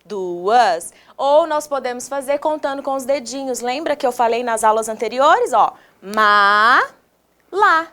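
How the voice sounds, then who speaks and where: In a recorded video lesson for young children, a woman with a Brazilian Portuguese accent sounds out words slowly, exaggerating each syllable. Her high, expressive voice has an encouraging, sing-song teacher quality as she asks viewers questions.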